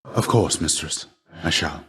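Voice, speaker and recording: Playing a weary yet gentle warrior spirit and mentor in a video game, a middle-aged man speaks deeply and softly with measured, polite, old-world formality. Here he sounds formal and deferential.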